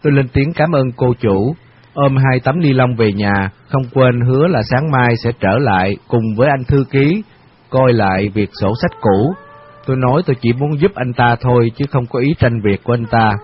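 A man narrating a memoir story in a calm, reflective way, on a dull radio recording with soft music. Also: mid-range voice, moderate pace, slight background noise.

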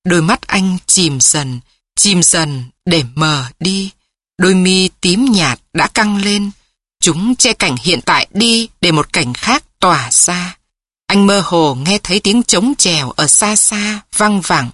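A woman narrating a literary story slowly in a mournful, measured way. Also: lowish voice, expressive, a bit bright, no room sound, clean studio sound. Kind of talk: slow literary story reading.

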